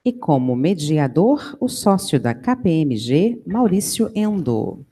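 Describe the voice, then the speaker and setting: Low-pitched Brazilian woman announcing formally. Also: sing-song, noisy background. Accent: Brazilian Portuguese. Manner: slow, formal, deliberate. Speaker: event announcer.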